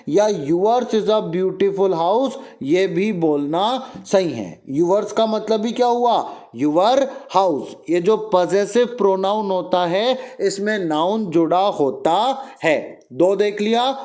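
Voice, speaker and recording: A man with an Indian accent teaches English grammar, his voice sitting high for a man. He talks at an unhurried pace, repeats his own questions to the class and answers them, and draws out each English example sentence word by word. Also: darkish tone. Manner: reads English example sentences slowly and deliberately.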